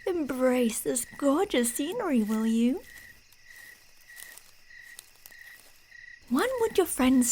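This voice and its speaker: Her high-pitched voice carries a little hiss or hum as she plays a park ranger who is really a creepy, delusional stalker in an ASMR roleplay. Falsely sweet and teasing, she drifts from soft speech into whispers, and the mood is eerie.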